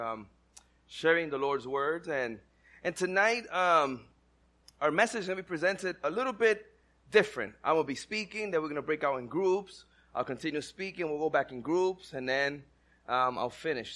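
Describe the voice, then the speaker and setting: With a mid-range, slightly bright voice, a man from the Dominican Republic preaches in Dominican Spanish-accented English. His sermon feels like a conversation, full of questions for the congregation and jokes at his own expense.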